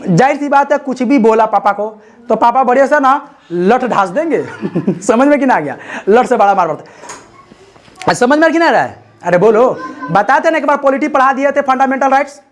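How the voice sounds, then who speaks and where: A man's voice: very high-pitched, expressive, fairly quick, a little hiss or hum. Man teaching a class, teasing questions. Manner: teasing, repeats checks for understanding. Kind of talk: classroom lecture. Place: classroom with students.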